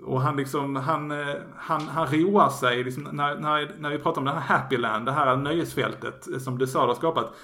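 A man's voice: a little high, steady tone, few pauses, sharp tone, roomy sound. A man hosting a casual podcast about comics, talking hesitantly with many fillers and restarts. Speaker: podcast host.

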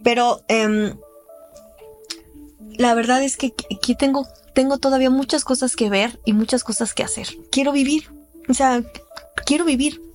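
A woman's voice: a little high, fairly even intonation, normal speed, darkish tone, soft background music. A Mexican woman living with chronic pain tells her story candidly and emotionally, often acting out what others say to her. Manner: candid, emotional, with restarts and reenacted quotes. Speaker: interviewee. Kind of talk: personal testimony in a podcast.

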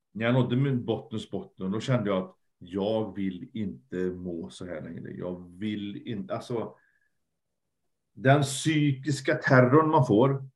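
A man speaking as a guest in a candid conversation, earnest and reflective, often trailing off and repeating words. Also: lowish voice. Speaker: podcast guest, lecturer.

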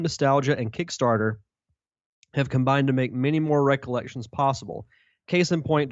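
A man's voice: medium pitch, no echo. An easygoing man co-hosts a podcast, chatting along and reading out a news item. His mid-range voice comes through a dry, slightly muffled recording. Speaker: podcast co-host. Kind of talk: casual chat, reading news aloud.

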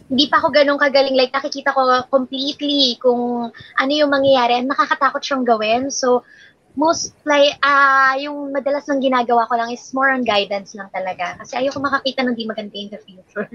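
A woman's voice: sits high, fairly even intonation, a little fast, a bit bright, no echo, muffled recording. A woman hosting a live stream, giving tarot readings in casual, laughing chat that mixes Tagalog and English.

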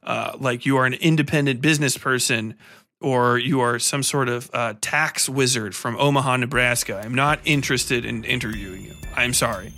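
Casual and irreverent, a podcast host rambles in a loose, sweary, profane, informal style. His medium-pitched voice comes at a moderate pace, pushed and bright, with no echo.

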